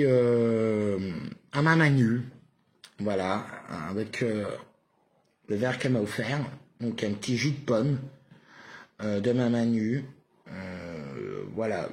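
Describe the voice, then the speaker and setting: A man's voice: mid-range voice, lively intonation, takes it slowly, long pauses, a little mellow. A man vlogging to his followers in a rambling, casual monologue full of fillers. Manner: repeats a phrase with shifting emotions, rambling with many fillers.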